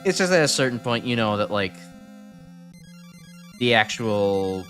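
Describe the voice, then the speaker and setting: Over faint background music, a young man from Chicago makes casual game stream chat in a Chicago accent. His fairly low, slightly bright voice is sing-song and unhurried as he rambles, chuckles and corrects himself.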